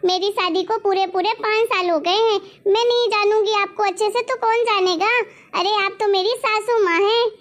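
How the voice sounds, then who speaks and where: A woman's voice: very high voice, fairly even intonation, normal speed. A woman playing a defiant young daughter-in-law. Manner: bossy, defiant. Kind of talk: family drama acting.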